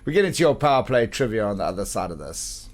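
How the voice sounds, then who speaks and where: A man's voice: lowish voice, sing-song, fast, faint music behind. A man hosting a radio show, announcing a top ten countdown.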